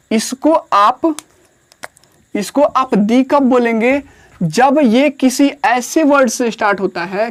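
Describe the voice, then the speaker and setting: Man, Indian accent, teacher, grammar lesson, repeats phrases, slow word-by-word dictation. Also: very high-pitched. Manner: explains slowly, repeats phrases, dictates words one at a time.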